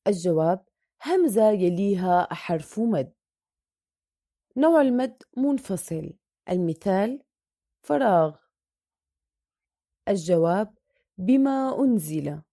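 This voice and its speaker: A woman's voice: mid-range voice, sing-song, takes it slowly, long pauses, dark tone, no room sound, studio quality. A woman teacher reading a Quran recitation worksheet aloud, going through each question and answer methodically and drawing out the example words.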